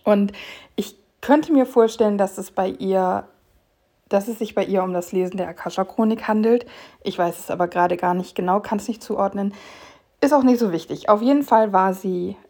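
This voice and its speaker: A woman's voice: medium pitch, normal speed, a little mellow. A young woman hosting her own podcast, chatting casually and rambling with fillers and restarts. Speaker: podcast host. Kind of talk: casual solo podcast talk.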